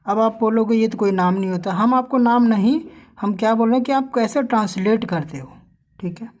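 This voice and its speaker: Here a woman with a slightly high, darkish-toned voice gives a spelling lesson for learners. She lingers on each letter of the names and asks the viewer questions to quiz them.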